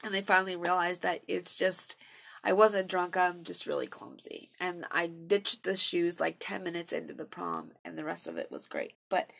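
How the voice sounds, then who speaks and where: A woman's voice: fairly low pitch, fairly even intonation, moderate pace, creaky, fairly bright tone, slightly rough. A young woman giving a personal faith testimony in an earnest, emotional and self-deprecating way.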